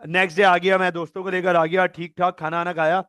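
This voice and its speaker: A man's voice: high-pitched, level tone, fast talker, a bit bright, clean tone, dry recording, studio quality. A male accounting tutor giving an online lecture, playfully acting out scenarios and mixing in English terms.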